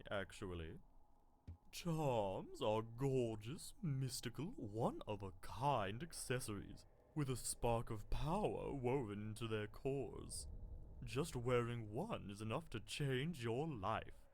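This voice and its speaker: Doting, dreamy charm-shop keeper voiced by a man, unhurried and lilting, game dialogue over ambience. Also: medium pitch, big pitch swings, slight background noise. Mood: dreamy, gushing. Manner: sweet, unhurried, gushing. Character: cozy, doting charm shopkeeper, chatty and dreamy.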